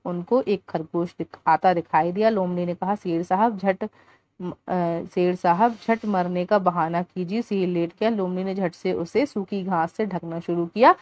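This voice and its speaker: A woman teacher reading a primary-school workbook aloud, asking questions and explaining answers at a deliberate pace, with the odd restart. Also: mid-range voice, mellow, no echo. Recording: dull lo-fi sound.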